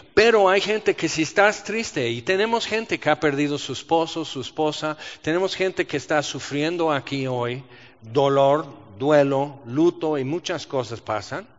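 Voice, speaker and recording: A high-voiced man preaching with lively rhetorical questions and sudden bursts when he acts out the people he quotes. His voice rings through a large church hall with a long reverb, and the recording sounds dull and muffled. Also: a little slow. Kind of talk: sermon.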